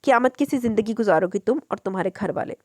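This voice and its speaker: A woman's voice: medium pitch, animated, quick pace, dark tone, no echo, studio quality, natural voice. A woman voicing a cruel, vengeful young male gangster in an audiobook novel, speaking in threats. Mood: menacing. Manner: menacing, threatening.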